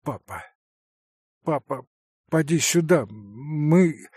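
A man's voice: high-pitched, animated, takes it slowly, darkish tone, dry recording, studio quality, voice pushed up, exaggerated voice. A man voicing a frail, pleading sick boy. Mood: pleading tearful. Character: gravely ill young boy, tender and pleading.

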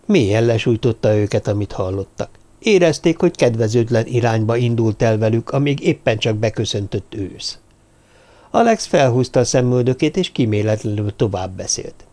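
A man reading a novel aloud as an audiobook narrator, in a calm, even telling. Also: mid-range voice. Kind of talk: scripted narration.

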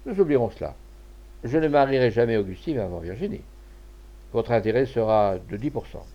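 A man voicing a shrewd old cloth merchant who talks loudly and emphatically, in an audiobook. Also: medium pitch, very animated, moderate pace, gravelly, dull audio. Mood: stern. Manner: loud, blustering and emphatic. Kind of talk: audiobook character voice.

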